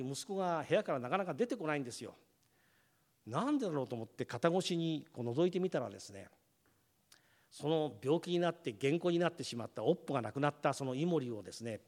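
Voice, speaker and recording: Lively, high-pitched man preaching. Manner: storytelling, acts out family members' words; addresses congregation directly. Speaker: pastor. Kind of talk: sermon with personal anecdote.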